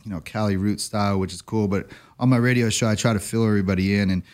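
A man's voice: on the low side, fairly even intonation, quick pace, a little mellow. A man hosting a radio show, interviewing a guest in an easygoing, enthusiastic and respectful way.

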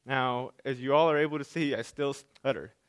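Speaking to an audience from the stage, a man shares a personal talk marked by stuttering, repeated sounds and restarts. His mid-range voice is clear and resonant at a normal speed.

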